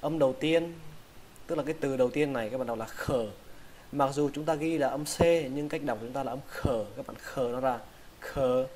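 A man teaching English words in a slow lesson, sounding out each part of a word and saying every word twice. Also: medium pitch, a little mellow, slight background noise. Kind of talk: slow vocabulary lesson for Vietnamese learners.

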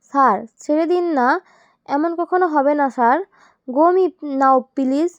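A whiny young pickpocket girl begs and wails in a high, stretched-out voice, mixing in broken English, as a woman reader puts her on. The sound is dry and a bit dull, with no room around it. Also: unhurried, dry recording. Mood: wailing. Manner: wailing, pleading, broken English.

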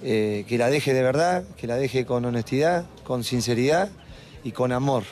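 A man speaks earnestly and in measured phrases about football as an interview guest. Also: medium pitch, a little mellow. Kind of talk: reflective interview answer.

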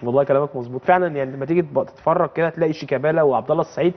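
A man's voice: a little high, racing, muffled recording. A man with an Egyptian Arabic accent hosting a sports talk show, prompting his guest and finishing his sentences. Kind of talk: casual TV interview.

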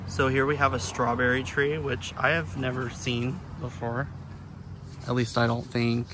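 Filming himself on a phone held at arm's length, a thirtysomething man gives relaxed vlog narration outside at a farm nursery. He talks unhurriedly in a medium pitch that barely moves, and the recording picks up faint outdoor sounds.

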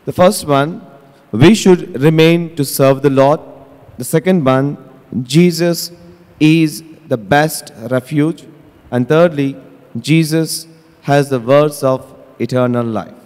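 Indian priest with cathedral echo. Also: male voice, on the high side, darkish tone, clear, resonant tone. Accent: Indian English. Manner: slow, measured, deliberate delivery. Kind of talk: liturgical gospel reading and homily. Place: large church. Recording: long echoing church reverb.

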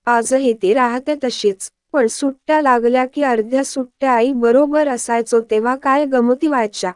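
A woman's voice: high-pitched, fairly even intonation, moderate pace, clean tone, dry recording, studio quality, natural voice. Woman voicing jovial older father Rameshrao. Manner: jovial, reminiscing. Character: genial older father of the family.

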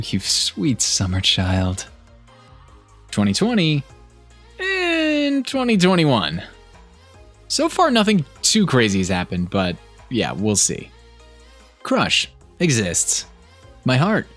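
A man reads out meme captions and drops dry, deadpan remarks after each one. His pitch bounces around animatedly from line to line. Faint music plays quietly under his voice. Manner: wry, deadpan asides between read captions. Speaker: meme video narrator. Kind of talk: reading and commenting on memes.

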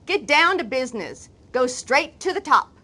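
A woman's voice: high voice, big pitch swings, normal speed, sharp tone, exaggerated voice. A woman doing a swaggering boastful boy. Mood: bossy. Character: boastful young boy with big plans. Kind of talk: children's storybook read-aloud.

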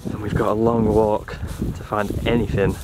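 Flat-voiced man talking outdoors. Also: fairly low pitch, normal speed, very noisy. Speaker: explorer. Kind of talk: casual on-location commentary.

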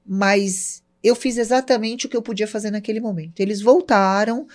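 A woman's voice: mid-range voice, moderate pace. A woman with a Brazilian Portuguese accent tells a personal story on a podcast. She talks casually and acts out each speaker in the dialogue she recalls. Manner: lively storyteller, acts out both sides of remembered dialogue. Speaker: podcast guest.

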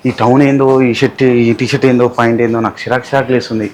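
An actor playing a defensive young husband with a Telangana Telugu accent, complaining and impatient. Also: male voice, medium pitch, level tone, rapid-fire, background noise, natural voice. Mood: grumbling.

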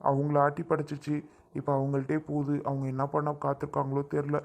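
A man's voice: on the high side, completely flat delivery, quick pace, vocal fry, darkish tone. A man playing a younger brother who consoles his sister, talking in an earnest, reassuring way in a family drama skit.

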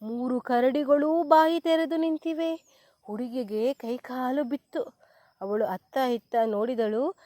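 A woman reading a children's story aloud in a slow, clear, expressive storytelling manner. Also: sits high, no echo, clean studio sound.

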